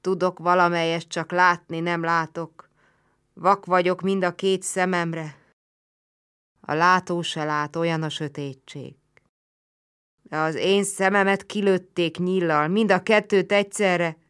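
A blind, wounded Roman soldier lies on the battlefield, his weak voice low and tearful, as a woman narrator puts him on. He pleads for water in a plain, steady storybook reading. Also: clear, resonant tone, close to an everyday voice. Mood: pleading.

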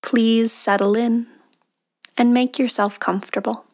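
A woman leading a guided meditation in a soothing, unhurried manner, with long pauses and soft, breathy phrase endings. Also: on the high side, fairly even intonation. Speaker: meditation guide, podcast host.

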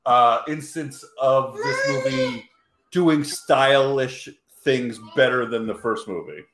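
A man co-hosting a casual podcast about a movie, halting and searching for words, repeating himself. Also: mid-range voice. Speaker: podcast co-host. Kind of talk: casual movie-discussion chat. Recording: roomy recording with faint background noise.

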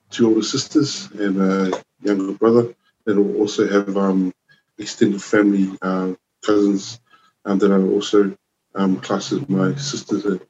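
A man in his forties from New Zealand, a youth worker chatting as a podcast guest, relaxed and rambling with lots of "you know" and "man". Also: deep voice, dull audio, a little hiss or hum. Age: 40s. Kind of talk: casual conversation.

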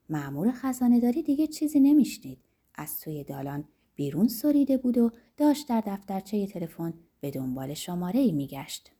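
A woman narrating a novel for an audiobook in a dramatic, expressive reading. Her tone is soft and mellow, and her pitch rises and falls widely. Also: husky.

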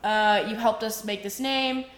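A woman's voice: mid-range voice, fairly even intonation, measured pace, a bit bright. A woman in her early twenties with an American accent, chatting informally as a podcast co-host. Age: early 20s. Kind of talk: casual chat. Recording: roomy, echoing room sound.

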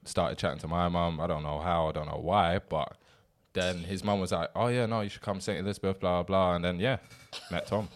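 A man's voice: sits low, steady tone, a little fast. A young man with a London urban street accent, chatting casually in slangy roadman style as a podcast host. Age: young adult. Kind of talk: casual group chat.

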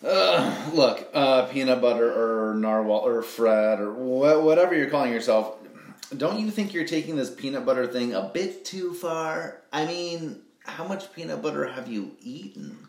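A man's voice: medium pitch, expressive, moderate pace, close to an everyday voice. A man reading the part of an incredulous jellyfish in a children's storybook, questioning and disbelieving. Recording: echoey room with faint noise.

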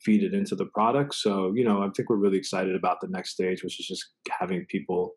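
This male interview guest, a product designer, talks quickly in a low, breathy voice with little pitch movement. His account of his work wanders loosely, full of verbal tags like "you know" and "right."

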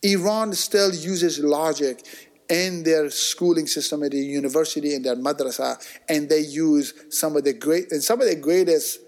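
A man chats casually, telling stories in an animated, wandering way, restarting often and acting out the lines he quotes. His voice is on the high side and his speed is normal.

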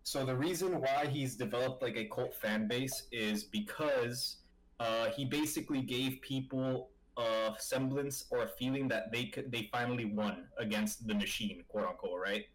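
A man in a casual group chat, calmly explaining things at length in a measured way. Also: mid-range voice, low-quality recording.

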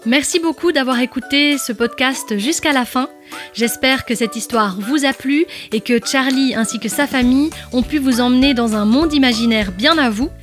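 A woman narrating a children's bedtime story as a podcast host, in a gentle, expressive storytelling manner. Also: high voice, moderate pace, soft background music.

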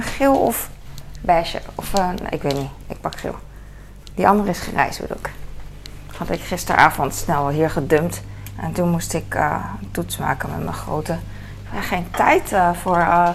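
Chatty woman with a gravelly voice. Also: lowish voice, lively intonation, normal speed, noisy background. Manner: rambling, many fillers and restarts, mixes in English phrases. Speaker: vlogger. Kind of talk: casual chat while tidying the kitchen. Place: home kitchen. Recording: kitchen clatter of dishes and cutlery.

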